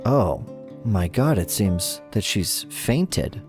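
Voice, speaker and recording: A man voicing a smarmy, scheming gentleman who feigns polite concern with hesitant stammers. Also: on the low side, animated, slow, soft background music. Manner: oily, hesitant, overly polite.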